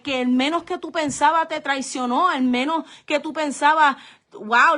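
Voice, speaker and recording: A woman pastor preaching a testimony sermon, earnestly addressing her listeners as brothers and often dropping to a soft, slow delivery. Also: high-pitched.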